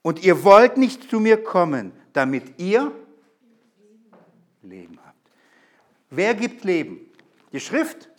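A man's voice: high-pitched, big pitch swings, slow pace, long pauses. A man preaching a sermon to a congregation, stressing key lines with urgent emphasis.

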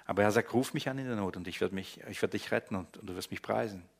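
A man preaching in German, teaching from the Bible, shifting between low, quiet explanation and loud, emphatic passages. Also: fast, creaky, breathy edge.

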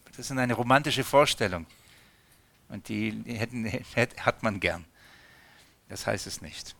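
A man with a bright, forceful voice preaches a conversational sermon. He keeps asking his listeners questions and calls them friends. The sound is dry and close. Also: lowish voice, a little slow, gravelly, no room sound. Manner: lively, asks the audience questions and addresses them as friends.

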